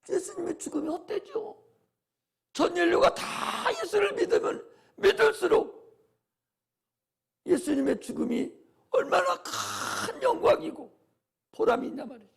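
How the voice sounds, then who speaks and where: Man playing a pastor with a very high, gravelly voice, impassioned sermon, swings from loud exhortation to hushed asides. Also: expressive, moderate pace, pauses often. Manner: repetitive preaching cadence.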